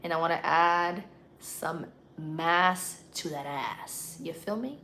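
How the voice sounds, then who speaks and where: A woman's voice: lowish voice, slow, a bit bright, a little hiss or hum. A woman with a Puerto Rican accent hosting a casual live stream, chatting with viewers in an informal, slangy, playful way. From Puerto Rico. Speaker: livestream host.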